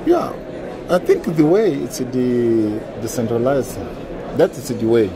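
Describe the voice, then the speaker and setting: A middle-aged man, a native Portuguese speaker with a thick foreign accent, giving halting interview answers in non-native English. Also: medium pitch, very animated. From Mozambique. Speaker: utility manager being interviewed. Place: indoor conference interview booth. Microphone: lapel. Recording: busy event hall chatter behind.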